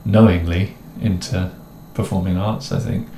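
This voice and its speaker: A young man from the English Midlands, his accent mixed and somewhat posh, co-hosts a casual chat in a low, slightly slow voice. He rambles in a relaxed way with self-mocking jokes, recorded in an echoey room with faint noise.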